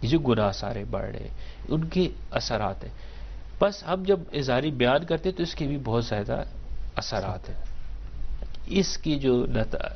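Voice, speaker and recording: Male scholar guest, steady lecturing delivery, builds his case with examples, somewhat muffled audio. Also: medium pitch, creaky, a little hiss or hum. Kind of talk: explanatory talk on a studio show.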